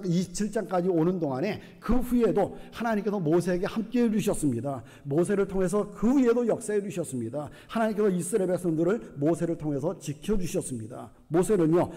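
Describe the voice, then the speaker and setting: A man's voice: on the high side, mellow, long reverb tail. A male pastor preaching a sermon, telling the story and acting out its dialogue.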